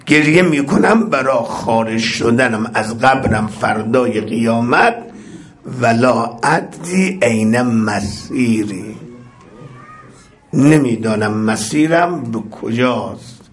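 Man, preacher, religious sermon, mid-pitched voice, recites Arabic prayer lines, fervent rising cries. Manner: recites Arabic prayer lines, then explains them in Persian; builds to impassioned high-pitched cries on repeated phrases.

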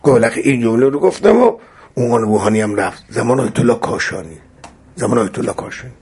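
A male preacher telling a sermon story with dramatic swings, his voice gravelly and rough with fry. It sounds husky and strained, and it leaps up high in the emotional moments. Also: animated, a little mellow. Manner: dramatic retelling with sudden high emotional outbursts.

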